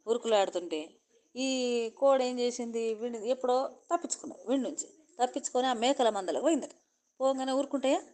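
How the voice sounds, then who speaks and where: A woman's voice: a little high, a little mellow. A woman with a Telangana accent telling a folk tale in a conversational, repetitive way. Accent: Telangana Telugu. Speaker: storyteller.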